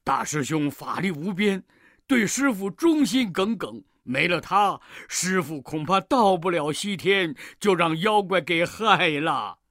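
A loyal, earnest monk disciple, as a woman storyteller puts him on, pleading in a plain, slow voice. It is a children's storybook reading. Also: on the low side, lively intonation, a bit bright, no echo, studio quality.

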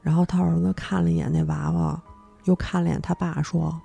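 A young woman hosts a horror story podcast, her voice low, gravelly and a little husky. She narrates animatedly and jumps her pitch around to act out each character's lines. Faint music plays softly behind her. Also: little pitch movement, fairly quick.

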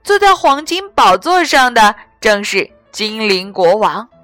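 A woman narrating a children's story in a gentle, expressive way. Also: on the high side, unhurried, no room sound, faint music behind.

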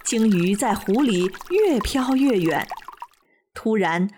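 A woman narrating a children's storybook in an animated, expressive way. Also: mid-range voice, slow pace, noisy background. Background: children's music.

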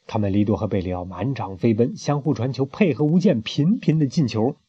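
A man's voice: mid-range voice, expressive, brisk, mellow, slightly rough, no echo. A man reading a picture book aloud to a child, narrating dramatically and adding sound effects. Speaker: storyteller. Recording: muffled lo-fi home recording.

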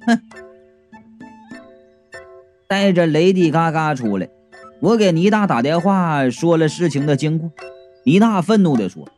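A man's voice: a little high, animated, a little slow, pauses often, darkish tone. A man narrating a comic ghost audiobook in the first person, with wry, jokey asides. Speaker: storyteller. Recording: faint background music.

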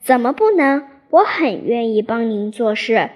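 A woman's voice: a little high, lively intonation, a little slow, a little mellow. A woman voicing an eager, timid young colt, childlike and hesitant.

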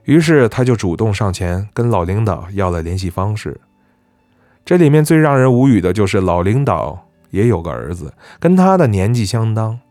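男声低沉温润的故事讲述. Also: male voice, fairly low pitch, moderate pace, no echo, soft background music. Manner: calm, conversational storytelling. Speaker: narrator. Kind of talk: scripted story narration.

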